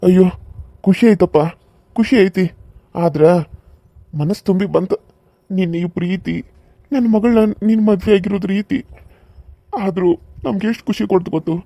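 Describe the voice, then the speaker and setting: A man voicing an elderly village father in a cartoon serial, speaking in a slow, emotional, folksy way with a North Karnataka Kannada accent. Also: high-pitched, dark tone, dry recording. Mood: grateful.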